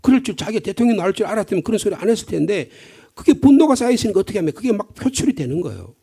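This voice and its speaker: A man's voice: high voice, big pitch swings, very fast, vocal fry, mellow, breathy edge. A middle-aged male pastor from the Gyeongsang region with a Gyeongsang accent, preaching an early-morning sermon in a conversational, storytelling way with rhetorical questions. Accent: Gyeongsang Korean. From Gyeongsang region, Korea.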